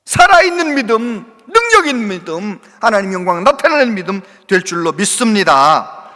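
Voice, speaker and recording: A man preaching a sermon as a pastor, impassioned and swinging between loud exhortation and hushed speech, often asking the congregation questions. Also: high voice, very animated, moderate pace, in a large hall. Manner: asks the congregation questions and calls for replies. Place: church sanctuary with long reverb.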